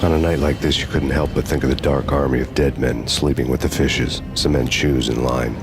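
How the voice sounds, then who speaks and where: This grim, world-weary ex-cop voices noir cutscenes for a game, handling both narration and dialogue over music. His extremely low voice hardly shifts in pitch, and he delivers deadpan lines with dry, sarcastic wit at a fairly quick pace.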